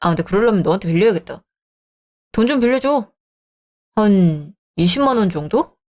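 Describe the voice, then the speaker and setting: A woman's voice: medium pitch, animated, moderate pace, a little mellow, natural voice. A woman voicing a selfish young married man who talks in a dismissive, irritated way, in a dramatized story. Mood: scornful.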